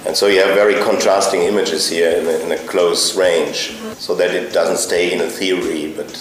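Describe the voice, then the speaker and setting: A man calmly explaining, slightly halting. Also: deep voice. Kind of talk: casual explanation. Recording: very roomy echo.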